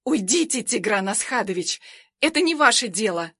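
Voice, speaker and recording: A woman voicing a furious, reckless young woman holding someone at gunpoint, snarling and shrieking her threats in a hoarse voice. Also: fairly high pitch, sing-song, moderate pace, bright, forceful tone, dry recording, studio quality, full character voice.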